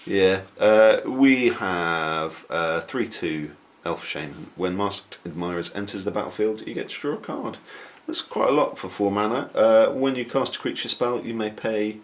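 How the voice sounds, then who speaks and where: A man's voice: fairly low pitch, lively intonation, unhurried, hardly any pauses. A man casually chatting through card reviews, joking and slipping into silly voices. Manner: jokey, breaks into silly put-on voices. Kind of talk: casual chat.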